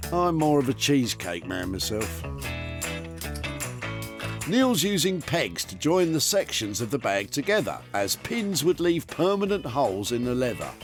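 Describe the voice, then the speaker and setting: With music behind him, a male narrator of a TV upcycling show works through a scripted voice-over, adding teasing, wry remarks. His mid-range voice rises and falls dramatically at an unhurried pace.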